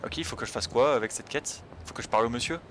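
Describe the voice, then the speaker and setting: A fast-talking let's play host mumbles his way through a video game, commenting casually to himself with lots of hesitations. His voice is medium in pitch and a bit bright, and there's slight background noise.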